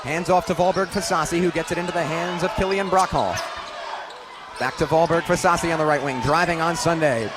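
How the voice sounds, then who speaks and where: A brisk young announcer, his voice on the high side, delivers animated live radio basketball coverage from courtside. The loud arena crowd and bouncing ball fill the recording as he paints each play and raises his voice for the big moments.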